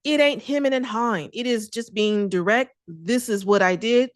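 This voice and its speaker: A woman's voice: fairly high pitch, moderate pace, dry recording, clean studio sound. A young adult woman telling a personal story to her viewers in a casual, chatty way. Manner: conversational, chatty, with fillers and asides. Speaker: self-care vlogger.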